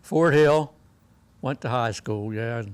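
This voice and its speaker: An old American man with a clear, smooth voice recalls his days as a veteran. He talks slowly and plainly, feeling his way through the memories, and is recorded close and dry. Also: medium pitch, dry recording. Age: elderly, 80s or older. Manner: old veteran remembering, halting, plain-spoken storytelling. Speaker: war veteran being interviewed. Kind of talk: unscripted oral-history reminiscence.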